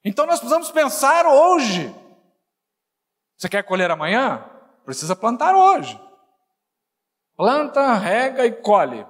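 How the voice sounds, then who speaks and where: High-voiced man preaching in an echoing hall. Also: huge pitch swings, measured pace, pauses often. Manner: conversational preaching with anecdotes, rising to forceful exhortation. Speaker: pastor. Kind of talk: sermon. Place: church hall. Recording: church hall reverb.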